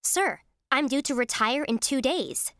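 A woman's voice: high voice, lively intonation, unhurried, fairly bright tone, dry recording, studio quality, full character voice. A woman doing a sarcastic loner girl agent. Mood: deadpan. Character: jaded eight-year-old girl agent, loner.

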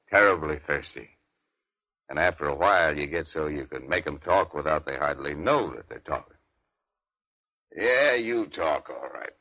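A man's voice: very deep voice, sharp tone, heavily acted. An actor playing a sardonic, needling 1930s beat cop, a hard-boiled city policeman in a vintage radio crime drama. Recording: dull vintage radio recording.

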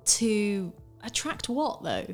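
A woman in her late thirties co-hosting a podcast, musing in a halting way with many restarts and ums. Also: mid-range voice, very animated, faint music behind. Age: 30s. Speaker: podcast co-host. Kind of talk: casual chat.

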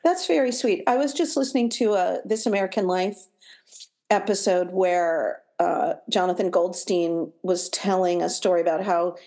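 A middle-aged woman co-hosting a podcast, chatting casually, easygoing and quick to laugh. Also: on the low side, dark tone. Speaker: podcast co-host. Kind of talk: casual chat.

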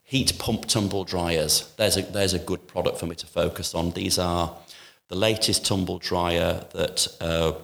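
A man running a kitchen appliance shop talks about his business in an interview. His voice sits very low and stays flat, and he speaks in a measured way with frequent "uh" fillers and restarts. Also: vocal fry.

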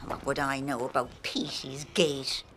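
An actress playing a cantankerous, foul-mouthed older Irish aunt who is gruff and suspicious, in a radio comedy. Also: female voice, a bass voice, level tone, measured pace, background noise.

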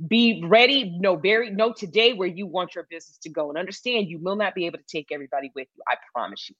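A middle-aged woman from Michigan speaks in an interview, her voice sitting low and sounding dull and a little muffled. She talks emphatically, hammering points home by repeating key phrases. The sound is dry, with no room around it. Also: fast, a bit bright, slightly rough, no echo. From Michigan, USA. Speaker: salon founder, guest. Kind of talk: conversational interview.

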